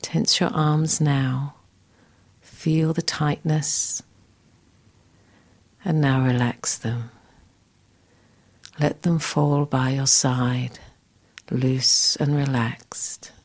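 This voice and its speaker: Very low, soft relaxation guide woman. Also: fairly even intonation, drawn-out words, pauses often. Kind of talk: scripted guided relaxation exercise.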